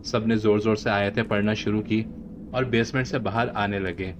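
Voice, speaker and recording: A man with a Pakistani Urdu accent narrating a horror story in a steady storytelling voice. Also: on the low side, moderate pace. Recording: dull lo-fi audio with faint hiss.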